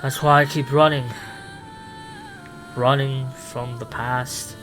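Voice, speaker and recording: Guy doing the doctor, old lonely time-traveling alien, stumbly rambling talk, mid pitch, music behind. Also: level tone, lightly acted, poor audio. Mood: somber. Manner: halting, rambling, with restarts and fillers. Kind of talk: improvised fan audio drama.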